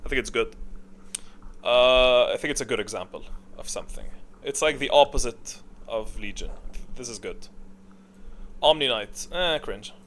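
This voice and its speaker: With a medium-pitched, slightly bright voice, this man talks at a moderate pace broken by long pauses. As a video creator and gamer, he ranks game characters in casual, off-the-cuff commentary, rambling and correcting himself.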